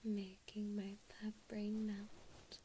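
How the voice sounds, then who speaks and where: A woman's voice: mid-range voice, completely flat delivery, very slow, dark tone, slight background noise. A woman whispering a doting, teasing ASMR roleplay into a close microphone. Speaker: ASMR creator. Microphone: close microphone, mouth near the ears.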